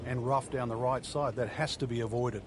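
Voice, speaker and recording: A man's voice: mid-range voice, steady tone, a little fast, background noise, close to an everyday voice. A man co-commentating on golf as the analyst, in a conversational, matter-of-fact way.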